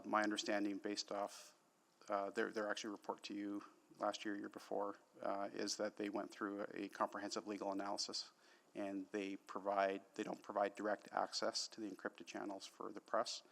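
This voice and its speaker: A man representing the police commission, answering councillors' questions with measured, hedging explanations in a council chamber. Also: lowish voice, gravelly, a bit bright.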